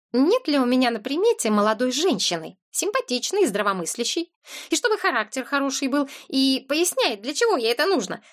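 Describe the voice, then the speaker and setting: A woman reading the part of a pushy, sarcastic woman friend who talks in a rapid-fire rush. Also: on the high side, fairly bright tone. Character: brash, pushy woman friend, quick talker.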